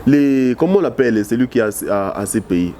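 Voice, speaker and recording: Impassioned Congolese man with a mellow voice. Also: medium pitch, expressive, a little fast, a little hiss or hum. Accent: Congolese French. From Democratic Republic of the Congo. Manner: impassioned, repetitive restarts. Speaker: political analyst guest. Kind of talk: interview answers.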